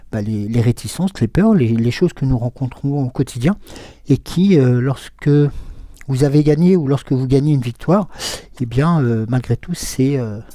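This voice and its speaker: A man's voice: medium pitch, dark tone, no room sound. A man giving a live oracle card reading, hesitant and full of fillers, answering viewers' comments as he goes. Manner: hesitant, many fillers and restarts.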